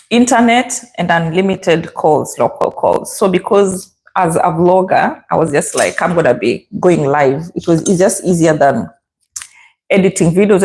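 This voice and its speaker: A woman's voice: on the low side, rough recording. A woman with a Kenyan accent chatting casually as a travel vlogger, giving practical tips and checking in with the listener. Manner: conversational, checks in with "yeah?" and "okay?".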